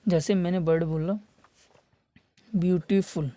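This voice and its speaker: A male English teacher giving an exam-prep lesson with a warm, mellow tone. He spells words letter by letter, repeats the key terms, and draws words out slowly to make them stick. The sound is dry and close, with no room echo. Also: high-pitched, steady tone. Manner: stretches words slowly for emphasis. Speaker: English teacher for competitive exams. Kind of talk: classroom lesson.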